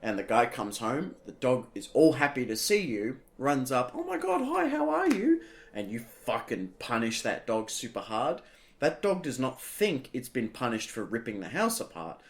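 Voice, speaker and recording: A man co-hosting a podcast, telling animated stories in casual chat and swearing freely. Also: medium pitch, moderate pace. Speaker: podcast co-host.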